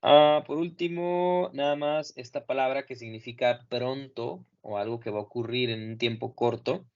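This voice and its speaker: A man teaching English in Spanish over a video call, patiently modeling each word slowly and clearly for his students. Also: medium pitch, darkish tone, muffled recording. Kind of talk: online class correcting pronunciation.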